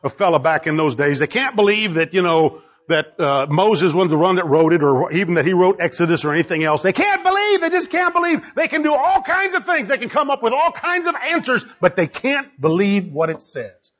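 A man preaching a sermon as pastor, swinging between loud exhortation and low asides. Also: big pitch swings, a little fast, few pauses, highs cut off.

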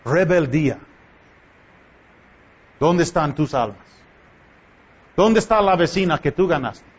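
A man's voice: on the high side, expressive, takes it slowly, husky. A man preaching a sermon to his congregation in a church, pressing them with impassioned rhetorical questions. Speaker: pastor. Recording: dull lo-fi church recording.

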